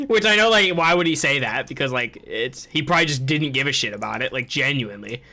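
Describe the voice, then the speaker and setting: A man's voice: medium pitch, very animated, a little fast, sharp tone. A young man hosting a gaming podcast, ranting in casual chat and swearing freely. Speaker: podcast host.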